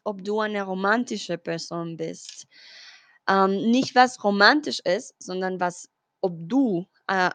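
Woman, young adult, language teacher, slow careful speech, repeats key words, dry close sound. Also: mid-range voice, a bit bright, no echo. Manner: slow and clear, repeats and explains words, laughs easily. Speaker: Spanish teacher. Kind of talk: live online Spanish lesson, reading chat comments.

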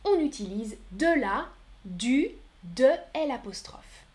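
A woman teaching a live-streamed French lesson, speaking slowly and clearly, counting aloud and answering viewers in the chat. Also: high voice, very animated, a little mellow.

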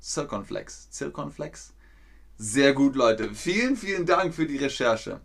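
A man teaching an online German lesson to learners, speaking slowly and clearly, repeating words and quizzing his viewers. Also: mid-range voice. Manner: lively, with quiz questions to viewers.

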